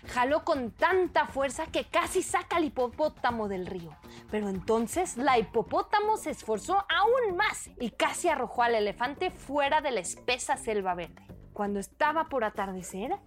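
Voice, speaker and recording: Bright-voiced woman telling a children's fable. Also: a little high. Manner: lively, expressive storytelling. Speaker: storyteller.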